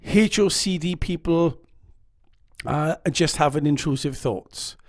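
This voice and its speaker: With a Welsh accent and a slightly high voice, a YouTube host speaks slowly, offering casual, earnest, rambling advice to camera. He reads quotes out dramatically.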